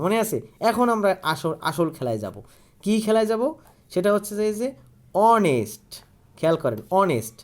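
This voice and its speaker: Male tutor. He drills grammar rules by quizzing himself aloud. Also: sits high. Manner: asks questions and answers them himself, repeating key words. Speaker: English grammar teacher. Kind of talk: online grammar lesson.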